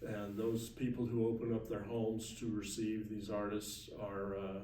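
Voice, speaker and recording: A man speaking casually as an organizer being interviewed, halting and repeating words as he goes. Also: lowish voice, completely flat delivery, warm tone. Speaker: gathering organizer, interview guest. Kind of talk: casual informal interview talk. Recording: roomy, distant mic, faint noise.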